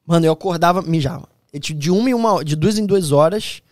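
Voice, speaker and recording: A man with a Brazilian accent, a podcast guest telling a story in a slangy, animated, casual way in a studio. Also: fairly high pitch, fast, dry recording. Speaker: guest, former U.S. Army soldier.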